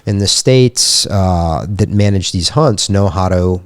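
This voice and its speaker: A man's voice: sits low, slow, dry recording. A man hosting a podcast, talking in a candid, rambling way and swearing casually. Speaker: podcast host. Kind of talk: casual chat.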